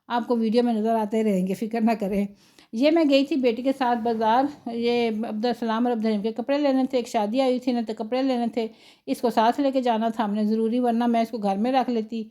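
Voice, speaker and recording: A woman's voice: fairly high pitch, fairly even intonation, dark tone. A middle-aged woman vlogger chatting casually, telling rambling stories over her own footage. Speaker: home-cooking vlogger.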